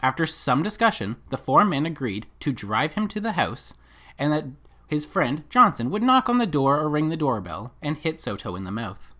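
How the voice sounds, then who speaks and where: A commentator delivering scripted video commentary and reading from documents, with rhetorical, emphatic and deliberate phrasing. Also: medium pitch, very animated, fairly bright tone. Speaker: commentator and narrator.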